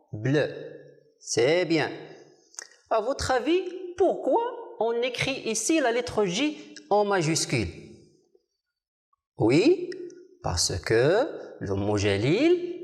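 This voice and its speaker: A primary school teacher giving a televised French lesson, asking the pupils questions and answering them, repeating words with care. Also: mid-range voice. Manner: slow, deliberate, repeats words for clarity. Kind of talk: televised distance-learning lesson.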